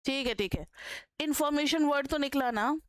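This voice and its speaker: Teaching economics online, a woman with an Indian accent walks through ideas step by step, asks students questions, and dictates notes one word at a time. She speaks at a normal speed in a high-pitched voice, with no room sound.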